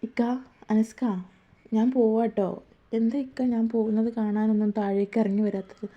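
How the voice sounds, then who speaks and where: A woman's voice: fairly high pitch, little pitch movement, normal speed, highs cut off, natural voice. A woman doing a sad young wife. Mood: pleading. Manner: soft, pleading.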